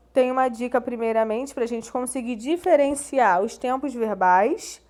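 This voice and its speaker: High-voiced woman teaching grammar. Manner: patient, explains step by step to students. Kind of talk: recorded grammar lesson.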